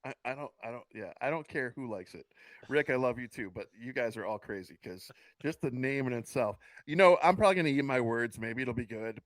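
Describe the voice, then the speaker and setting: A man's voice: mid-range voice, no room sound. A man co-hosting a casual movie podcast, sarcastic and exasperated, swearing freely, on a close, dry mic. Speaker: podcast co-host.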